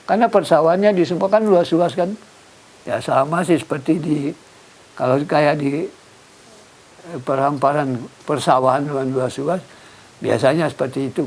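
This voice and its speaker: A middle-aged man with a slightly raised pitch talks through a tradition in an interview. He stops often to grope for the right word and lets his phrases trail off. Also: darkish tone. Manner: halting, searches for words, trails off. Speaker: cultural informant. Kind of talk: unscripted explanatory interview.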